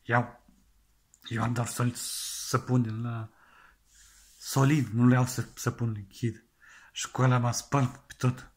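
A man doing a comic monologue as a penny-pincher, talking earnestly in halting, rambling sentences full of restarts. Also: medium pitch, little pitch movement, darkish tone. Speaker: comedian playing an extreme penny-pincher. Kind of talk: comedic monologue sketch.

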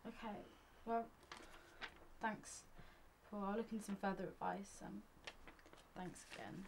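A young woman playing a timid, ashamed seventeen-year-old girl who speaks quietly and falters. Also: mid-range voice, fairly even intonation, a little slow, noisy background, close to an everyday voice.

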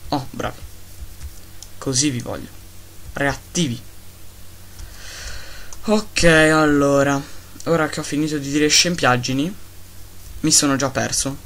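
Man, fairly high voice, excitable gameplay commentary, chatty and grumbling. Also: takes it slowly, long pauses, a little hiss or hum. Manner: excitable, talks to his wolves, mock-grumbling at lag. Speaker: Minecraft let's-player.

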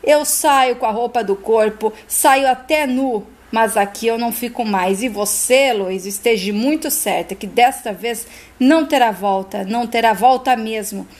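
A woman's voice: on the high side, moderate pace, lightly acted. A woman reading an indignant husband. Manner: stern, disbelieving. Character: indignant husband, adult man, horrified.

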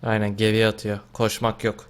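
Excitable Turkish man commenting gameplay. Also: lowish voice, moderate pace, smooth. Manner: excitable, yells and shouts at teammates in bursts; joking, boastful banter. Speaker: gaming YouTuber.

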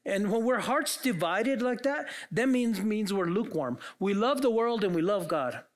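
A man's voice: sits high, lively intonation, normal speed. A man preaching a sermon as pastor, earnest and full of rhetorical questions put to the congregation. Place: church.

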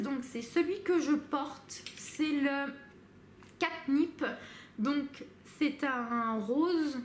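A woman's voice: high-pitched, slight background noise. A woman beauty vlogger casually reviewing her favourite products, talking with many fillers and restarts. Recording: echoey room with faint ambience.

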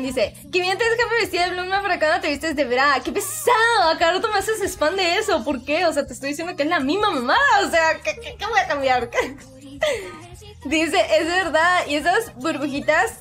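A woman's voice: high-pitched, fairly bright tone. A young woman streaming live, chatting casually, reading chat messages aloud and laughing often. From Peru.

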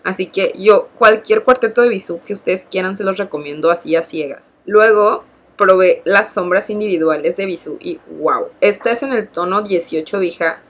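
A young Mexican woman talks through her favorite cheap makeup in a casual vlog. She gushes over each product and stacks her words for emphasis. Her voice sits at an ordinary middle pitch for a woman. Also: moderate pace. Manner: enthusiastic, gushing, repeats "muy, muy". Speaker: beauty vlogger.

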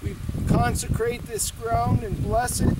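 A middle-aged man leads a solemn graveside service as priest, reading prayers aloud in a measured, formal liturgical way. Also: extremely high pitch, level tone. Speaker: priest leading a graveside committal. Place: outdoors in a snowy open cemetery. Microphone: far camera microphone. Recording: distant camera mic, loud wind noise. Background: loud wind noise.

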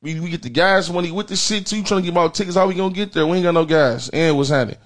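Hosting a comedy livestream from an indoor studio with a printed backdrop, an American man in his thirties fires off rapid, high-pitched banter. It's casual, crude, slangy, and repetitive.

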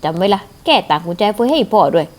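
A woman doing a gruff, blustering middle-aged dad. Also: medium pitch, very animated, very fast, darkish tone, voice pushed down, lightly acted. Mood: coaxing. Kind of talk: manga read-aloud with voices.

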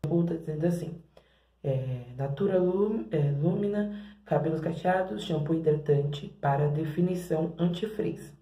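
A woman's voice: low voice, moderate pace, dark tone, echoey room, poor audio. A Brazilian woman vlogging in her bathroom as she tests hair products, chatting to her viewers. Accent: Brazilian Portuguese. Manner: chatty, keeps addressing viewers as "gente". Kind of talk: casual product-testing vlog. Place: home bathroom.

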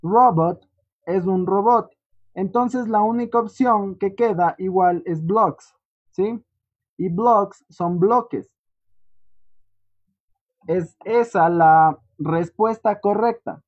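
A teacher patiently walking students through an online lesson, often checking in with a quick "¿sí?". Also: mid-range voice. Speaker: English teacher. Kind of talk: online class walkthrough. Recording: dull lo-fi online class audio.

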